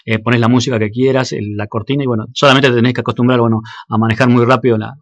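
Fast-talking Argentine man, hesitant. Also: medium pitch, steady tone, no room sound, lo-fi sound. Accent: Argentine Spanish. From Argentina, Jacobacci. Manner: hesitant, many fillers and restarts. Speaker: local radio announcer. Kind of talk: casual interview.

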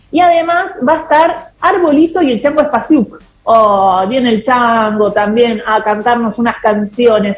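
A woman with an Argentine accent, hosting a radio show in casual on-air chat and running through the lineup of the day. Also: a little high. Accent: Argentine Spanish. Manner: lively, announcing a program lineup. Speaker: radio host. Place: radio studio. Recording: roomy studio echo.

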